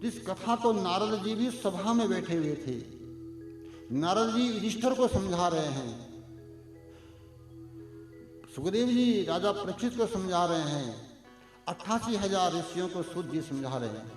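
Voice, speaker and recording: High-pitched man preaching slow, lots of echo, chants sanskrit verses. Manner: lively, calls to the crowd, chants Sanskrit verses. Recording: echoey hall with music.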